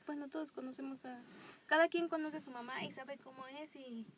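A woman chatting casually as co-host, animated and acting out quotes. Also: high-pitched, brisk. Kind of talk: casual chat.

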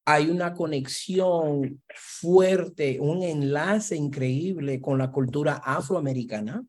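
A man from Brooklyn, New York, with a Puerto Rican-influenced Spanish accent appears as an academic guest in an interview. He replies reflectively, mixing English words into his Spanish and often tagging phrases with "¿verdad?". His voice is on the high side, slow, and a little mellow.

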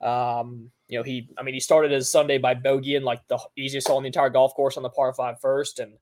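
A man with an average-pitched voice talks casually as a sports podcast host. He rambles in halting phrases, pausing often and padding his thoughts with you-knows. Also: little pitch movement, a little mellow, slight background noise. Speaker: golf betting podcast host.

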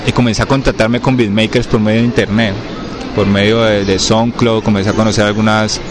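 A young man from Cali, Colombia, with a Cali accent, answering interview questions in a halting way, often checking that he is understood. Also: lowish voice, flat delivery. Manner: halting, many fillers and restarts, keeps asking "me entendés?". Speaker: rapper being interviewed. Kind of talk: casual interview talk. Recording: street noise with passing vehicles.

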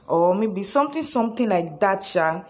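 A woman's voice: mid-range voice, animated, normal speed, slightly rough. A young woman with a Nigerian accent, telling a personal story to her viewers in a chatty, giggly way with local slang. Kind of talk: casual storytelling vlog.

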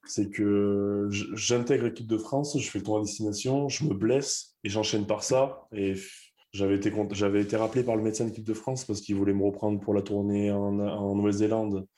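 Low mellow-voiced young man, halting. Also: steady tone. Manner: candid, halting, many restarts. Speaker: rugby player guest. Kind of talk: casual podcast chat.

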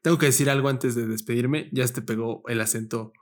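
A Mexican man bantering on his podcast in a playful, slang-heavy way, at a mid pitch for a man. He sounds casual and lively with his co-host. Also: a little fast. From State of Mexico, Mexico. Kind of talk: casual chat.

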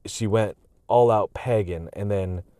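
A vlogger talks casually to his viewers in a rambling, reflective personal monologue, sounding tired and hiccuping, with many fillers and restarts. His fairly low voice is warm and unhurried.

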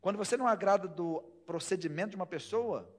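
Brazilian pastor with a fairly high voice. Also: male voice, fast talker. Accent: Brazilian Portuguese. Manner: swings between loud emphasis and hushed asides, many rhetorical questions. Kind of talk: sermon.

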